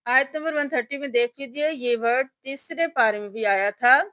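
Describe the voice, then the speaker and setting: A woman teaching Quran reading in a tajweed lesson, spelling out each letter and then reciting the word slowly and drawn out. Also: high voice, sharp tone, no echo.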